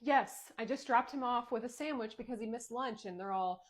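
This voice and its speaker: A woman's voice: on the high side, fairly quick, pitched above the performer's own voice, lightly acted. A woman playing an entitled school mom who talks in a demanding, indignant way.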